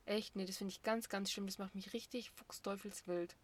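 A woman's voice: mid-range voice, fairly even intonation, normal speed. Young woman, casual co-host chat, blunt, emphatic storyteller.

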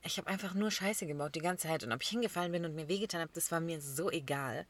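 A woman, chatting casually as a podcast co-host and telling animated stories with lots of laughter. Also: low voice, fast talker. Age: 20s. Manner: animated storytelling, laughs often. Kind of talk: casual chat.

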